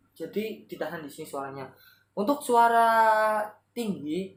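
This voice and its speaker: A man's voice: high-pitched, a bit bright. Man in a roomy echo. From Kebumen, Central Java, Indonesia. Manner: rambling, searching for words, clears throat often. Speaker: singer giving vocal tips. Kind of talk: casual spoken tutorial. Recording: roomy echo, faint background noise.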